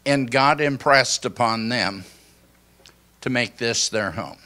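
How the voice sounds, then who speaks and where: An older man giving an informal sermon to a small congregation, speaking slowly and conversationally into a handheld microphone in a church hall. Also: mid-range voice, sharp tone. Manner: slow, conversational, reflective. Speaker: pastor.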